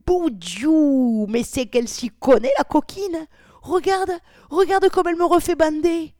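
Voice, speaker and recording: A woman doing a loud, coarse, talkative man. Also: on the high side, steady tone, measured pace, creaky, no echo, clean studio sound. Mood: lustful. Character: crude talkative man, lusty and boastful.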